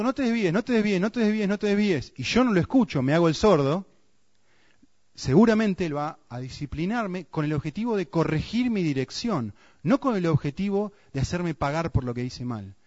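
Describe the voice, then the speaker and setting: A man with a Rioplatense Spanish accent preaching a sermon, dropping to hushed emphasis and then rising into urgent, repeated phrases. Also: a little high, dry recording, dull audio. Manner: swings between hushed emphasis and raised, urgent repetition.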